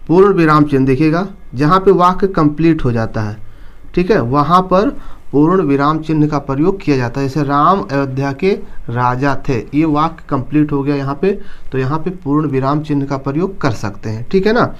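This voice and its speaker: A man teaches in a patient, step-by-step way. His voice sits a little high for a man. He often pauses to check in with a quick "okay". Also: lo-fi sound. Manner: explaining patiently, tags sentences with a checking "okay". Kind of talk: classroom-style lesson.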